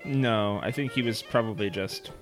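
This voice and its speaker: A man with a fairly low voice talks casually as a co-host, reading passages aloud and dropping dry jokes between them. Music plays clearly underneath him throughout. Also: normal speed. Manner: wry, joking asides. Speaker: podcast co-host. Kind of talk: casual chat reading from web articles.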